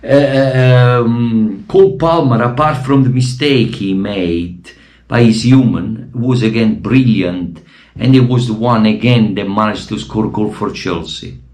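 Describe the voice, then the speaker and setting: Losing his voice, a man from Italy pours out passionate football commentary as a fan vlogger, his Italian accent strong and his delivery erupting into shouted pleas. He speaks at a measured pace with a fairly low pitch, the voice wearing thin.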